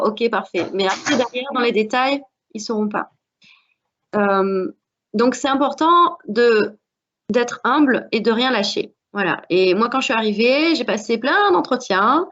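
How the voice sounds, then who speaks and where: A woman's voice: a little high, fairly bright tone. A woman from France with a French accent, speaking earnestly as a guest with many hesitations in a panel discussion. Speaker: alumna guest. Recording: dull lo-fi audio.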